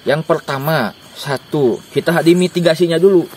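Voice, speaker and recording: A young man giving joking, animated camping tips outdoors in a dark forest at night, recorded by a camera a few steps away. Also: fairly high pitch, moderate pace, a little hiss or hum. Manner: joking, animated, gestures while talking. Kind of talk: casual outdoor interview. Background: faint insects and crickets.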